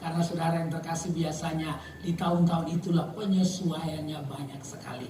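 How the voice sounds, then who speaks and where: A man's voice: fairly high pitch, little pitch movement, fairly quick, mellow, slight background noise. A man from Maluku preaching a sermon as pastor, telling stories and jokes and often calling out to the congregation. He calls himself somewhat emotional and reactive. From Maluku, Indonesia. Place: church hall with congregation. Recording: very echoey hall, voice from far off.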